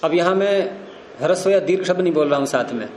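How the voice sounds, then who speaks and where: A man's voice: a little high, animated, fast, darkish tone, a little hiss or hum. Man teaching grammar in an echoing room. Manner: explanatory, quizzes students. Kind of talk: classroom teaching. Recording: roomy echo.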